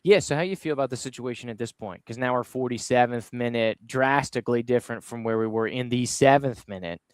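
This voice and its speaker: A man's voice: mid-range voice, a little fast, clear, resonant tone, no echo, clean studio sound. Upbeat man recapping soccer goals. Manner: upbeat play-by-play walkthrough of goal clips. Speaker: podcast host. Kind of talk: casual sports recap chat.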